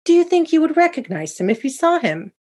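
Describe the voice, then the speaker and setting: A woman voicing a young man who becomes a mountain robber, speaking earnestly and forcefully. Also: medium pitch, moderate pace, natural voice. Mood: curious. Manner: earnest, pleading then commanding.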